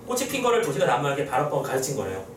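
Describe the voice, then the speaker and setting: A man's voice: mid-range voice, rapid-fire. Young male exam-prep lecturer, playful and chatty, faint room hiss behind. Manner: lively, teasing, talks to students casually. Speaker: Korean literature lecturer. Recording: echoey room, mic at a distance.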